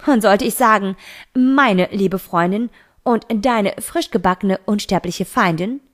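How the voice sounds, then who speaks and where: A woman's voice: mid-range voice, measured pace, lightly acted. A woman voicing a teenage boy who insistently questions a close friend, in an amateur audiobook reading. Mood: pointed.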